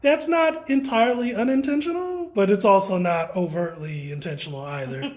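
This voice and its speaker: A man's voice: sits high, normal speed, a crowd in the background. A man speaking casually as a tour guide, showing visitors around. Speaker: exhibit tour guide and co-curator. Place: indoor art gallery. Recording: echoey indoor room.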